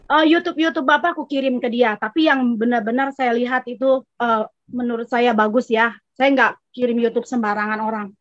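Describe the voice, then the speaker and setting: A woman's voice: fairly high pitch, steady tone, normal speed, no echo, highs cut off. A woman from a church gathering telling a testimony in a chatty way, acting out both sides of a conversation. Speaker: congregation member giving testimony. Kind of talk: casual storytelling testimony.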